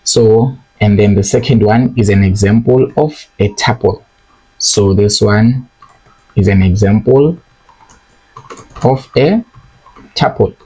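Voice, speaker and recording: A man's voice: lowish voice, takes it slowly, long pauses, dark tone, slightly rough, low-quality recording. A young man teaching a programming lesson, explaining step by step and checking in with "okay?" and "right?". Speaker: programming tutor. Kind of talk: screen-recorded coding lesson.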